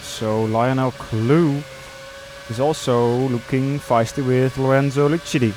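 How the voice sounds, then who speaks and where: A man giving live motorsport commentary on sim racing, conversational and hesitant between bursts of excited calls. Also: mid-range voice, unhurried, a little hiss or hum, low-quality recording.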